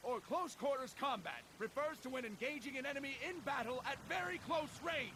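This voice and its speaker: An actor playing a stern, bossy military drill sergeant who barks training instructions in a video game tutorial. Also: male voice, very high-pitched, brisk, gravelly, noisy background. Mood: brisk, commanding. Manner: drill sergeant style, barking commands, stern.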